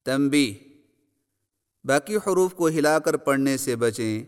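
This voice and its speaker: A man teaching recitation, slowly chanting each syllable and word for the learner to repeat, with quick spoken instructions between the drills. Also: medium pitch, animated, smooth, in a large hall.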